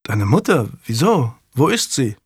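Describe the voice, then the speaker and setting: A man's voice: medium pitch, big pitch swings, a little slow, breathy edge, no room sound, exaggerated voice. A man voicing an earnest, slightly unsure young male lord, hesitant and friendly, read dry and close.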